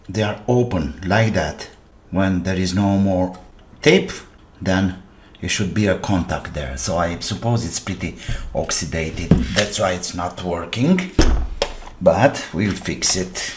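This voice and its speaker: Over clear background noise of clicking, clattering parts, a repair channel host talks his way through a hands-on fix. His voice is low, his English non-native, and he muses aloud slowly, haltingly and informally.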